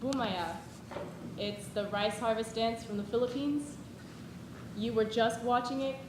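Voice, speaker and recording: A woman's voice: a little high, fairly even intonation, normal speed, roomy sound, noisy background, lightly acted. A young woman playing a teasing older sister. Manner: teasing, then earnest and explaining. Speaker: student actor in a campus stage play. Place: live stage in a hall.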